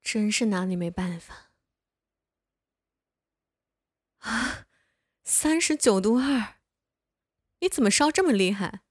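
A woman's voice: medium pitch, lively intonation, unhurried, no room sound, studio quality. A young woman voicing a bossy but caring older neighbor woman who scolds and coaxes the listener in a one-sided audio role-play. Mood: caring, scolding. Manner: playful scolding, coaxing.

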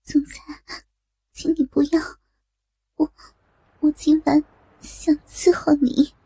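A woman voicing a timid young woman who pleads softly and tearfully in a storybook. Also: high-pitched, little pitch movement, slow pace, no echo, voice pushed up, poor audio. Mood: pleading. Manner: soft, trembling, tearful.

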